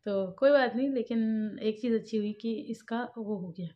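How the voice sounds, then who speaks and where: A woman's voice: on the high side, moderate pace, muffled recording. A young woman chatting casually in a home family vlog, talking about daily life and scolding her children firmly at times. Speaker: family vlogger.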